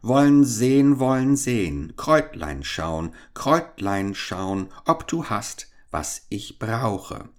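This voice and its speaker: A man reading a fairy-tale audiobook, voicing a hoarse, spiteful old witch who mutters, mocks and repeats her words in a sing-song. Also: on the low side, very animated, slow pace, few pauses, pitched above the performer's own voice. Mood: mocking, grumbling.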